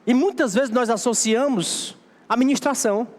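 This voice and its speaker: A man with a high, light voice preaches in a Brazilian accent, urging his listeners on in short repeated phrases. His sermon rings out with the long reverb of a big church sanctuary. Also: normal speed. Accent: Brazilian Portuguese. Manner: exhorting, repetitive preaching cadence. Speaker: pastor.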